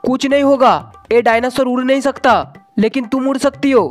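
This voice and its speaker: A man's voice: very high-pitched, level tone, fairly quick. A young man giving playful, dramatic comic gameplay commentary, bantering with his own characters. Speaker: gaming channel host. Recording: faint game music behind.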